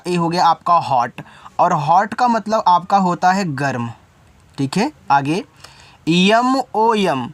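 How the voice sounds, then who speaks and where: A man's voice: high-pitched, no room sound. A male teacher giving a spoken lesson, explaining step by step with patient repetition and frequent check-ins. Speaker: English teacher.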